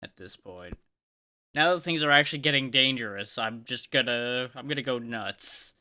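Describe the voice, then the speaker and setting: A man streaming live gameplay, talking through his choices with playful, excitable, mock-boastful trash talk. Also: medium pitch, normal speed.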